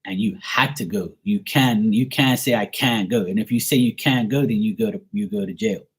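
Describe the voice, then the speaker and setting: Man, Bermudian accent, low-ish voice, husky, blunt, profane, casual livestream rant. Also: normal speed. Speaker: livestream host.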